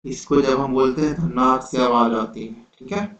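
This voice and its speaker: A man teaching an exam-prep lecture, explaining slowly and patiently, checking in with his students again and again. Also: medium pitch, a bit bright. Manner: slow, repetitive explaining with frequent "theek hai". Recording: roomy, dull lo-fi sound.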